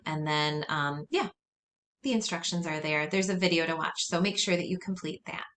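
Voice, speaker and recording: Woman teaching a slow, careful lesson. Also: sits low, fairly bright tone, a little hiss or hum. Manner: slow, careful drilling of words. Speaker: Spanish teacher. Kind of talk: recorded classroom lesson.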